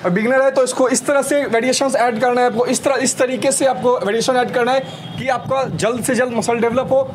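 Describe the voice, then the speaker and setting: A young male fitness trainer with a high voice leads a home workout demonstration on an outdoor rooftop terrace, giving brisk, energetic coaching cues. He keeps repeating "slowly slowly" and counting, while street ambience and passing vehicles make the recording noisy.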